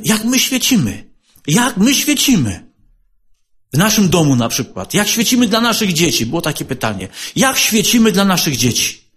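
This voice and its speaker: Guy preaching, kinda high voice, lots of rhetorical questions, really lively up and down. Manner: repeats rhetorical questions, swings between loud and soft; earnest, exhorting. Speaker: lay preacher. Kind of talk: sermon.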